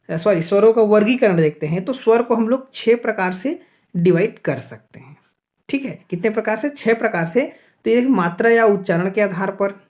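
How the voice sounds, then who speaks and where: This Chhattisgarhi man's voice sits high with a somewhat dark tone as he teaches grammar for an exam. Answering his own questions, he keeps checking in with "okay" and breaks words down sound by sound.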